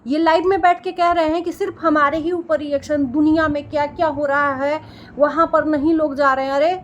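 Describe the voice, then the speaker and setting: A woman's voice: high-pitched, steady tone, fairly quick, highs cut off. A woman reaction creator delivering a heated, scolding rant and repeating phrases for emphasis.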